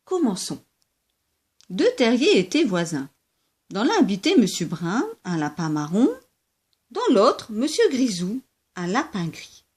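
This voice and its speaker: A woman reading a children's story aloud in a gentle, lively storytelling manner. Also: mid-range voice, a little slow, pauses often, breathy edge.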